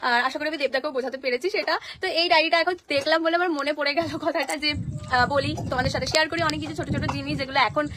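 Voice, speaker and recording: A young woman talks fast and freely on a live stream from her home, answering viewers' comments as she goes. Her voice sits high. The recording is noisy, with vehicles passing outside. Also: fairly even intonation. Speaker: content creator on a live stream. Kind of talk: casual live-stream chat. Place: at home, in front of a painted wall.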